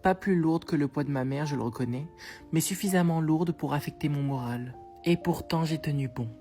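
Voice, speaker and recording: A woman reading a mock-sincere letter to her followers in a deadpan, soft manner. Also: low voice, normal speed, faint music behind. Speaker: comedy creator.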